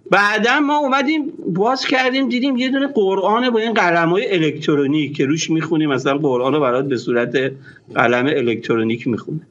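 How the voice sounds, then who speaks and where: A man with a high-pitched voice tells his story in a rush, breaking off and restarting his sentences as he goes. He comes through a dull, muffled line, with the top end of the sound cut away. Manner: excited, quick recounting with many restarts. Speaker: guest, former newspaper editor-in-chief. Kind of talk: animated storytelling in an interview.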